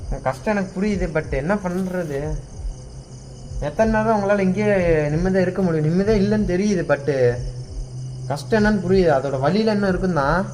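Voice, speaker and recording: A man's voice: high-pitched, brisk, long pauses, a little mellow, slight background noise. A man ghost-hunting in an empty house at night, fearful and pleading as he calls out to a spirit.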